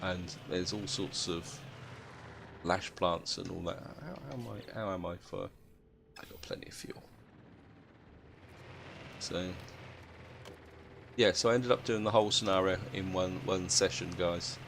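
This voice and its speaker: Male British let's-play host, half-asleep delivery, deep gravelly register, clearly noisy recording. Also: unhurried. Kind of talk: casual game commentary. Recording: noticeable background noise.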